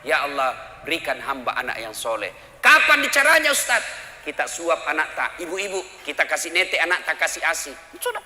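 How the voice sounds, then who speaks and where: A male preacher delivers an animated sermon, his voice bright and lively as it swings between high acted voices and low whispered prayers. It is recorded in a big echoey hall with a long reverb and faint ambience behind. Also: a little fast. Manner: animated, acts out mothers and children in raised voices.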